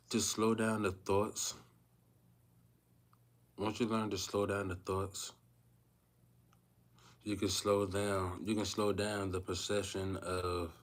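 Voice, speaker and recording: A man in his thirties talking casually to viewers on a livestream, rambling and repeating himself, often asking if they feel him. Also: fairly low pitch. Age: 30s. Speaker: vlogger.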